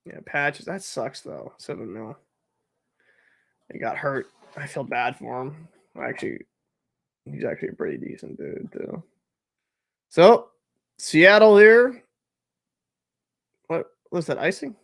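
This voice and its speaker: Young male streamer, slightly high voice, casual rambling chat and play-by-play. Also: big pitch swings, slow, vocal fry, long pauses, a bit bright. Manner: chatty, joking, answers live chat, loose and rambling. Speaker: livestream host. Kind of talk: casual watch-party chat and commentary.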